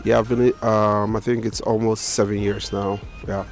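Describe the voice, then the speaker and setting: A man's voice: fairly low pitch, level tone, normal speed, soft background music. A man from Ghana answering street interview questions in an earnest, matter-of-fact way.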